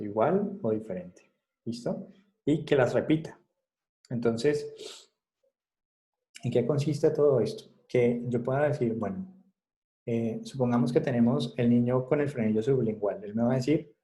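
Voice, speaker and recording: Man lecturing on a video call, slow and halting, lots of fillers, keeps checking in with quick questions. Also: mid-range voice, mellow, low-quality recording. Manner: checks in often with short questions; halting, with many fillers and restarts. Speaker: psychology lecturer. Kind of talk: online class lecture.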